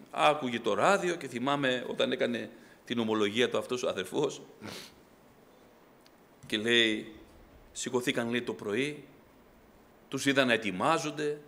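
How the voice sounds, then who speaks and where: A middle-aged man preaching a fervent Pentecostal sermon, swinging from loud exhortation to quiet storytelling. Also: medium pitch. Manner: fervent preaching, rising loud then dropping to soft storytelling. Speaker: pastor.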